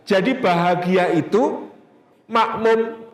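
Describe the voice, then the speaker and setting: A man preaching a storytelling sermon, lively and drawing out key words. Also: high voice, roomy sound. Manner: lively, acting out dialogue, drawn-out emphasis.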